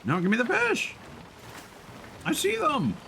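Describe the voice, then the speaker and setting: This game streamer's voice is very high-pitched with huge pitch swings, vocal fry, and a pushed, bright quality, yet his pace stays measured. He thinks aloud in casual live commentary while playing, over faint game ambience.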